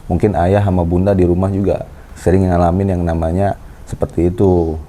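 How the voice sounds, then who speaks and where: A man in his thirties hosting a casual parenting chat with his wife, explaining in a calm, lecturing way. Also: sits low, brisk. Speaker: host. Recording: faint background noise.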